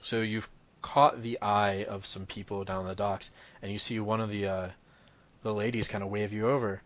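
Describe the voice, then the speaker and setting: A man with a slightly low voice narrates as dungeon master, drifting through his descriptions with easy pauses and fillers. He sounds young and relaxed, building the scene as he goes. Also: dull audio. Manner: rambling descriptive narration with frequent ums. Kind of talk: narrating a tabletop game.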